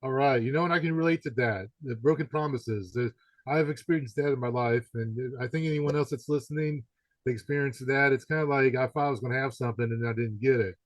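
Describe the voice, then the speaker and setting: A podcast interviewer with an average-pitched voice talks fast and conversationally, his thoughts wandering as he gropes toward a question. The recording is very dry with no echo, and the audio quality is poor.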